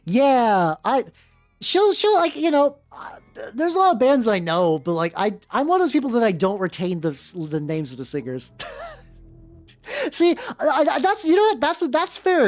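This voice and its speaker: A vtuber host with a medium-pitched, slightly mellow voice chats casually on her livestream and reads fan fiction aloud. She stammers often, repeats words, and stops to comment, all over background music.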